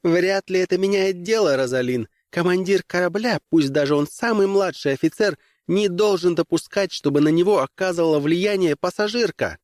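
A man's voice: high-pitched, normal speed, few pauses, no echo, clean studio sound, pitched above the performer's own voice, lightly acted. A male audiobook reader voicing a stern middle-aged woman commissar who lectures in a cold, clipped way.

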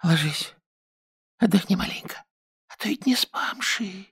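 A sharp-tongued young village woman, her voice pushed up high and drawn out slowly, as a male audiobook reader puts her on. She scolds in a hushed whisper, then turns coaxing and tender, with a breathy, airy edge to the sound. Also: animated, full character voice.

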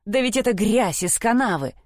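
A woman's voice: mid-range voice, lively intonation, normal speed, no room sound, lightly acted. A woman playing two haughty, book-proud young brothers from a fairy tale, sneering in mocking tones. The voice swings widely and sits dry against the mic. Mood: scornful. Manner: scornful, mocking.

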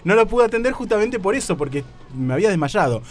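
A man's voice: sits high, very animated, fast. A man with an Argentine accent telling a comic story on a radio show, rambling and stammering, often restarting his words. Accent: Argentine Rioplatense. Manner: rambling, self-interrupting, nervous stammer. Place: radio studio.

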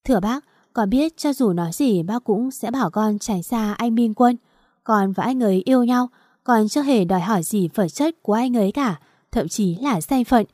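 A meek, polite young schoolteacher from a spoken story, soft and deferential, read by a woman narrator. Her voice is mellow and close, with a dry sound. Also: fairly high pitch, moderate pace, no echo, natural voice. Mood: hurt.

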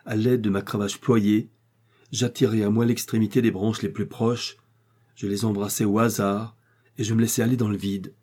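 A man narrates a classic novel in the first person, steady and measured, then bursting into passionate declarations. His voice sits low, with a husky, slightly breathy grain. The tone is dark and mellow throughout. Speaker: audiobook reader.

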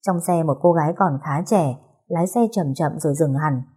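Mellow low-voiced woman narrator. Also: slightly rough. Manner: steady, measured storytelling. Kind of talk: dramatic audio story narration.

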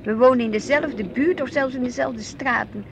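With a high, creaky voice at normal speed, a Netherlands Dutch-accented actress voices a curious, earnest wife and mother in a naturalistic radio play. The character is reflective and questioning, quick to get piqued at her husband, and the scene is recorded amid noisy outdoor traffic.

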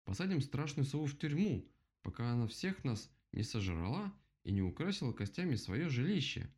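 A man voicing a loud, boastful, easily frightened male rabbit in a children's storybook, shrill and excitable. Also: normal speed. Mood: bossy.

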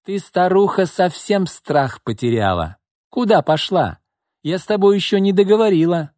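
A man's voice: sits high, expressive, moderate pace, a little mellow, dry recording, pitched above the performer's own voice. A spiteful, drunken heiress, as a male reader puts her on, cold and contemptuous in every line. Her voice climbs far above his natural register and leaps about, in a dry close recording. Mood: shrill drunk. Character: spiteful drunken rich woman, harsh.

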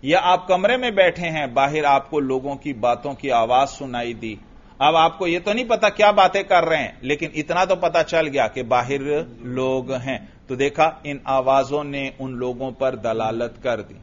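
Man teaching, muffled old lecture tape. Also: medium pitch. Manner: asks questions and repeats the answers; chants Arabic text in a melodic recitation. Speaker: religious teacher. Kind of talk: classroom lecture on Arabic grammar and logic.

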